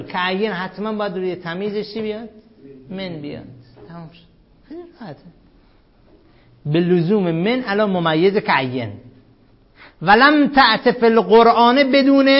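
A man gives a grammar lesson in a classroom, throwing questions at his students and answering them himself. He reads the Arabic lines slowly, almost chanting them. His voice sits a little high, and the recording sounds dull and lo-fi. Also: expressive. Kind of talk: classroom lecture.

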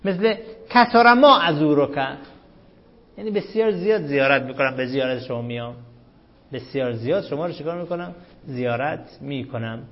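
A man with a fairly high voice teaches a grammar class, firing questions at his students and answering them himself. He recites the analysis of each word in a slow, chanting cadence. The recording is dull and lo-fi. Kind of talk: Arabic grammar lesson.

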